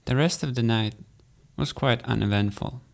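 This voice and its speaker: A young man from Latvia, giving calm, matter-of-fact voice-over narration of his own journey. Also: mid-range voice, normal speed, gravelly, noisy background. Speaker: cyclist recounting a race. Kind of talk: scripted narration.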